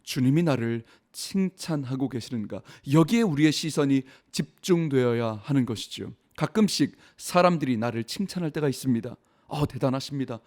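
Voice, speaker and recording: A man's voice: medium pitch, lively intonation, moderate pace, hardly any pauses, darkish tone. A middle-aged man, a pastor, giving a radio sermon column, preaching with rising fervent emphasis.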